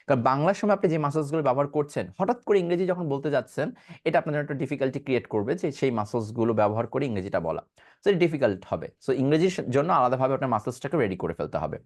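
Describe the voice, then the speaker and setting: A man's voice: mid-range voice, animated, rapid-fire. A man giving an online pronunciation class, asking questions and answering them himself, and demonstrating sounds. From Bangladesh. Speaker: pronunciation teacher.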